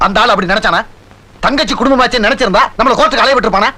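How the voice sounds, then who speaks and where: A man's voice: very high-pitched, racing, pushed and bright, full character voice. A young man playing a son arguing heatedly and scornfully in a film family feud. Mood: angry. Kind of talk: Tamil film dialogue.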